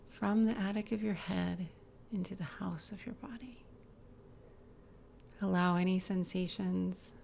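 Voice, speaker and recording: Female instructor, unhurried and calm, slightly raspy fry, soft guided-meditation delivery. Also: mid-range voice, slight background noise. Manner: calm, gentle, inviting, drifts into soft whispers. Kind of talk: slow guided body-awareness meditation.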